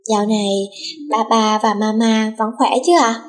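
A woman's voice: fairly high pitch, completely flat delivery, normal speed, close to an everyday voice. A woman voicing a cheerful, spoiled young rich girl in an audiobook, bubbly and cutesy. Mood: worried. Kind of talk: audiobook character voice.

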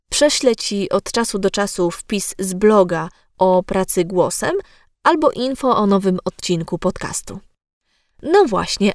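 Woman voice coach hosting a solo podcast, slow delivery, dry close sound. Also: mid-range voice, dry recording. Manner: measured, speaks directly to the listener.

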